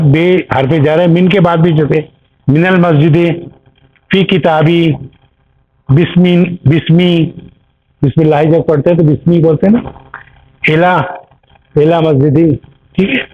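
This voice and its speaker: Man teaching grammar on a tinny line. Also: a little high. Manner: explains slowly, repeating terms and checking with 'theek hai'. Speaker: Arabic teacher. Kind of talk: grammar lesson. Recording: tinny phone-like audio.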